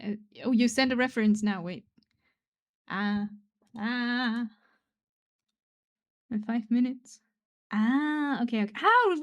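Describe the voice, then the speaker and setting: This streamer speaks a little high, her native tongue being German. She draws as she talks, rambling casually, putting herself down, and frequently fading into soft mumbles.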